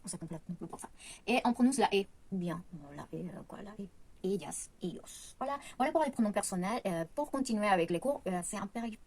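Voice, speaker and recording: Hesitant and full of fillers and self-corrections, this Spanish-speaking Latin American language teacher leads a relaxed online lesson. She has a mid-range voice with a darkish, slightly rough tone.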